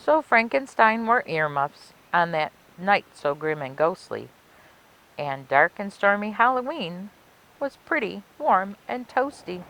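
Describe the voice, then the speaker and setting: On a low-quality recording, a woman with a medium-pitched voice reads a children's picture book aloud as a library story time host, expressive and deliberate in her storytelling.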